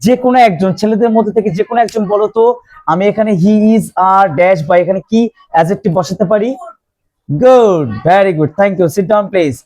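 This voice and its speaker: Teaching English grammar to a class, a man slowly repeats his questions so the students can respond. His voice is high-pitched and warm.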